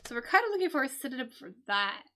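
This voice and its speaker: A woman hosting a live-stream English lesson, explaining crossword clues slowly with many fillers and repeated "right?". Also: sits high, big pitch swings, pushed and bright, slight background noise. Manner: slow, repetitive explaining with frequent fillers and "right?".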